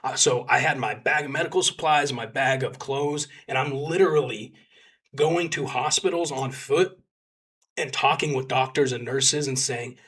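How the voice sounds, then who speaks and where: A man's voice: mid-range voice, moderate pace, slightly rough. A young man from Texas, a volunteer combat medic, telling his story in a rambling, casual way full of fillers. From Texas, United States. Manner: rambling, filler-heavy, animated when quoting others.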